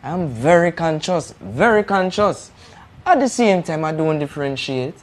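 A man's voice: on the high side, lively intonation, unhurried, pitched above the performer's own voice. Man putting on a sly Jamaican hustler. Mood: ingratiating. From Saint Croix. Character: smooth-talking male Jamaican waiter, a trickster ladies' man.

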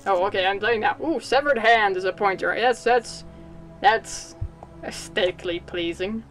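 A woman's voice: mid-range voice, normal speed, faint music behind, poor audio. Woman with wry let's-play asides. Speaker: video game player.

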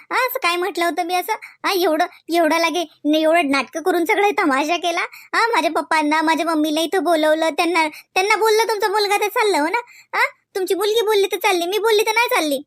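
A woman voicing a quarrelsome, defiant young wife who protests in a shrill voice. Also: quick pace, fairly bright tone. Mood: indignant.

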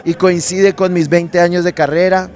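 A man's voice: sits high, little pitch movement, moderate pace, a crowd in the background. A middle-aged man from Colombia, a singer, talking playfully and laughing in an interview on an outdoor patio, into a handheld mic. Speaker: merengue singer, interview guest. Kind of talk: casual interview. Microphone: handheld mic held by interviewer.

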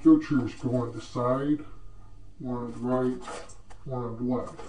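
A man's voice: medium pitch, steady tone, measured pace, warm tone. Man talking through a gas mask. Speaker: shop owner showing gear. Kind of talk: casual product demo. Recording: roomy, mic at a distance.

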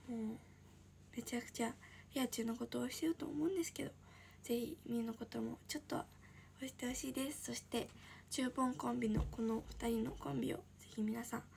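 With a high-pitched voice and a little hiss or hum in the audio, an 18-year-old woman from Shizuoka, Japan, livestreams as an idol. She chats casually, replies to viewers' comments, and often shifts into a soft, breathy whisper.

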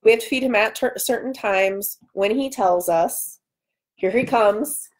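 Unhurried and mid-range, this woman in her thirties is an author livestreaming indoors from a small room at home. She talks casually and playfully, picked up by a webcam at arm's length.

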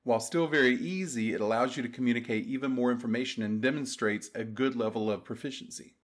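A man teaching a beginners' language class, giving clear, patient step-by-step directions in a scripted voice-over. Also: mid-range voice, fast. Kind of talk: scripted instructional narration.

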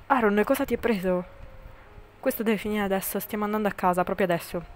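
A woman's voice: medium pitch, fast talker, slight background noise, natural voice. A woman voicing a centuries-old male creature who gives curt orders, in an amateur fan voice-over of a story game. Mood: stern.

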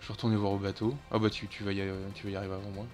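A man's voice: lowish voice, level tone, rapid-fire, darkish tone, faint music behind. A man streaming a co-op game, chatting casually and swearing when things go wrong. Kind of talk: casual gaming chat.

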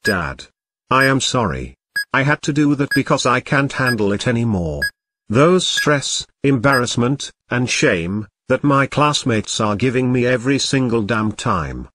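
A man's voice: medium pitch, big pitch swings, unhurried, a bit bright, a little hiss or hum. A synthetic male voice playing a bullied schoolboy son in an amateur cartoon, talking in a stilted, foul-mouthed way. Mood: upset.

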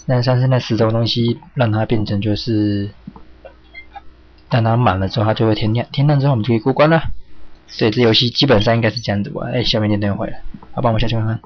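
A man's voice: on the low side, steady tone, quick pace. A young man streaming a horror game, jumping, yelping and cursing at the game as he plays. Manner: jumpy, yelps and curses at the game. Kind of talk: horror game let's play commentary. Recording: slightly dull lo-fi home mic with faint hiss.

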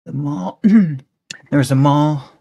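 In a dry, lo-fi recording, a young man with a voice on the high side speaks slowly, creaky yet warm. He is streaming a casual reaction from an indoor room at home through a headset, framed by a webcam, rambling with frequent "bro" and "guys."

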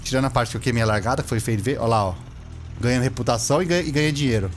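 A young gameplay streamer with a Brazilian Portuguese accent and a medium-pitched voice talks very fast over slight background noise. His commentary is casual and excitable, loaded with slang, and he shouts and laughs at the game.

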